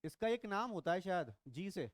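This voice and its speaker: Middle-aged male biology teacher, high smooth voice, playful and quizzing. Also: big pitch swings, normal speed, dry recording, clean studio sound. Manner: teasing, quizzing students, mixes English into Hindi. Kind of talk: classroom lecture. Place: classroom.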